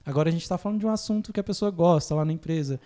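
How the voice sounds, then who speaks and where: A man in casual conversation, his tone mellow and unhurried. He explains therapy ideas step by step and mimics clients in a lifted voice. His laughter comes easily. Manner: acts out clients' lines in a higher voice, laughs easily. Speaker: podcast host, phobia therapist.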